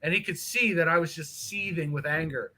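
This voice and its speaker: A man casually telling a profane, animated story on a live stream chat, mimicking the people in it. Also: fairly high pitch, fairly quick, low-quality recording. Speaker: co-host.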